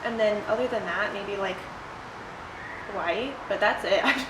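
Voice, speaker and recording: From an ice bath outdoors, sheltered or exposed to rain, a young woman fields viewer questions in her solo vlog. Her mid-range voice runs a little slow, and her manner is casual and blunt. Background noise comes through clearly amid a roomy echo.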